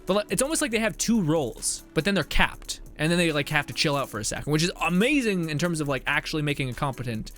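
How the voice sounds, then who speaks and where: Lively, laughing young man streaming a game. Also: a little high, quick pace, hardly any pauses, faint music behind. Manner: laughs often, rambling, reads chat aloud. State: out of breath at times. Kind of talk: casual live-stream commentary.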